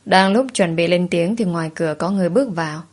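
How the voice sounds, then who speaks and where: A woman with a somewhat low voice narrates a first-person story. Her reading is steady and plain. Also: fast talker.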